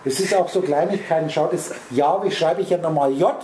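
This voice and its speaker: A man holds forth on a spiritual theme, talking directly to a small audience and jumping between words and their letters. His voice is dark and mellow. The room echoes around him. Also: a little high, fairly quick, slight background noise. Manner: rambling, addresses listeners directly with wordplay. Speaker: lecturer. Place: lecture room.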